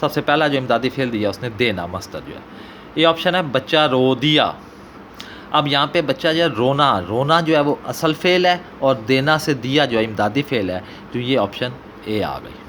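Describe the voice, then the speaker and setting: A man with a Pakistani Punjabi accent, an Urdu teacher working through an exam paper and slowly repeating example sentences. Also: mid-range voice, lively intonation, fairly bright tone, a little hiss or hum.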